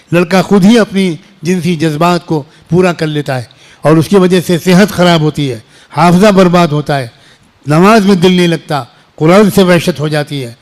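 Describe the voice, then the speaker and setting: Male preacher, middle-aged, somewhat high pitch; emotional, repetitive, pleading sermon delivery. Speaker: Islamic preacher. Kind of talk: emotional sermon to young people.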